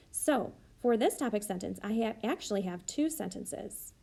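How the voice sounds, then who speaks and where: A woman teacher slowly modeling how to write sentences for young children, thinking aloud and sounding out each word. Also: mid-range voice, creaky, a little mellow. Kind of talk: slow modeled writing demonstration.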